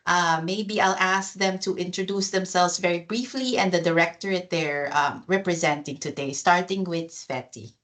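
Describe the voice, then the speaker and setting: A woman's voice: mid-range voice, fairly bright tone. A woman HR officer hosting an online presentation over a video call, speaking with frequent fillers and restarts.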